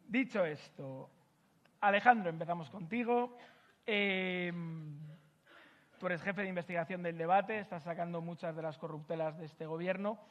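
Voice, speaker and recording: A man's voice: high voice, highs cut off. A man hosting a political event, delivering an emphatic speech full of rhetorical repetition before moderating a panel.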